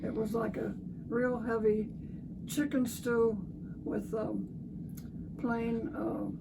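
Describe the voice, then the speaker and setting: A woman of about ninety, a grandmother reminiscing casually in brief, halting answers. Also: fairly high pitch, little pitch movement, gravelly. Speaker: grandmother being interviewed about her life. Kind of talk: casual reminiscing over old photos. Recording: distant mic, heavy background noise.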